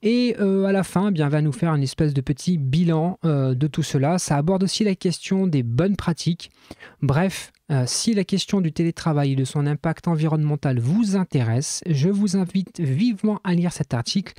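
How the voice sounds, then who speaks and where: A man's voice: on the high side, moderate pace, warm tone, no room sound, studio quality. A man presenting a weekly web development news roundup in a casual, chatty way, with frequent hesitations and fillers.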